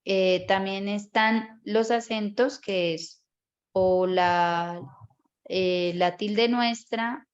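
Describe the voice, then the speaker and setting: A woman's voice: fairly low pitch, muffled recording. A woman teaching a Bible course class, explaining step by step and often checking in with her students. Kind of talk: online class lecture.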